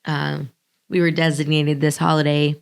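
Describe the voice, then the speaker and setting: An American woman with a hoarse, raspy, whispery voice that is nearly gone, chatting casually as a podcast co-host. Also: sits low, flat delivery, moderate pace. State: hoarse, losing her voice. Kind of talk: casual chat.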